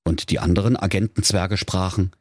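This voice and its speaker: A man's voice: low voice, fairly even intonation, brisk, breathy edge, no echo, studio quality. A man narrating a comic fairy tale for children in a playful, mock-dramatic way, addressing the kids directly. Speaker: storyteller.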